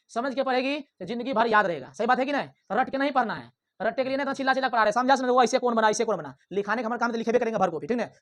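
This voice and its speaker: A male teacher, teaching a physics lesson in a classroom. He talks loudly and quizzes the class, then answers his own questions. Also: very high voice. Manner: loud, drilling, asks the class questions and answers himself. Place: classroom with students.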